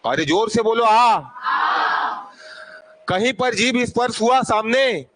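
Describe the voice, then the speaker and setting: A man's voice: extremely high pitch, expressive, moderate pace, fairly bright tone, no echo, low-quality recording. A male teacher giving a classroom lesson, quizzing his students over and over and prompting them to answer aloud.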